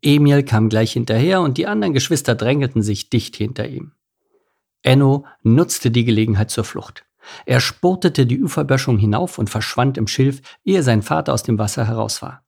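A man narrating a children's animal story in a lively, playful storybook manner. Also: medium pitch, moderate pace, creaky, breathy edge.

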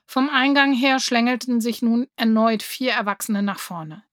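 Woman reading a kids' story aloud, calm and clear, fairly high voice, dry close sound. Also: moderate pace, dry recording. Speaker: reader. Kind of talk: storybook narration for children.

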